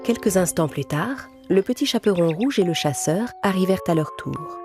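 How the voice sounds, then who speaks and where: A woman with a somewhat low voice narrates a children's tale from a script, her intonation lively and her speed normal. Music plays distinctly in the background.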